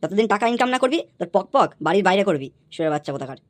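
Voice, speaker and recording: A woman's voice: mid-range voice, sing-song, very fast, very noisy, lightly acted. Woman voicing a foul-mouthed raging cartoon father. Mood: scolding. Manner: swears constantly, yells and threatens. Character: crude hot-tempered middle-aged father, foul-mouthed. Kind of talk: cartoon voice acting.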